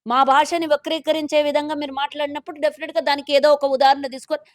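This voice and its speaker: Telangana lady politician in an interview, high voice, talks quick, sharp and sarcastic. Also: flat delivery, dry recording, clean studio sound. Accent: Telangana Telugu. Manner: indignant, pointed, sarcastic. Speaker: corporation chairperson, guest.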